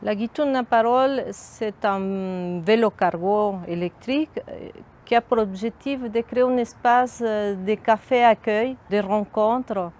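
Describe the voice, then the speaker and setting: A woman's voice: mid-range voice, a little slow, hardly any pauses, a little mellow. Mexican-accented middle-aged woman, thoughtful. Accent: Mexican Spanish. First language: Spanish. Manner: thoughtful, hesitant, frequent restarts. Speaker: community outreach worker. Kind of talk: documentary interview testimony.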